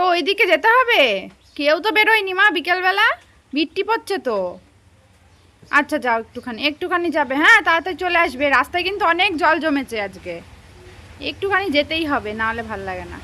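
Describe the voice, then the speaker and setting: Woman vlogger, high bright voice, playful coaxing baby talk at home. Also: expressive, a little fast. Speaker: vlogger and mother. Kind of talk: casual home vlog, talking to a baby.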